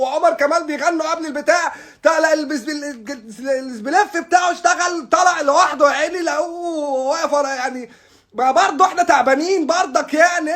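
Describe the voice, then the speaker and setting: A man's voice: very high voice, a bit bright. An Egyptian man with an Egyptian Arabic accent, ranting about football as a fan in a casual, exasperated way, stammering and restarting, with bursts of laughter. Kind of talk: frustrated casual rant.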